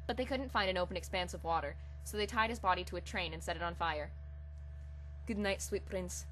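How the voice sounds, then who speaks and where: A fast-talking woman with a fairly low, slightly bright voice hosts a comic fan fiction reading that moves from a casual intro to dramatic read-aloud storytelling. The poor audio includes background hum and hiss.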